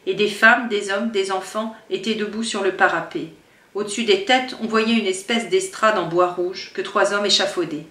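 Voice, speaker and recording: A woman giving an expressive, emotional first-person reading of a classic novel as an audiobook. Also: medium pitch. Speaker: audiobook reader. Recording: roomy sound from some distance from the mic.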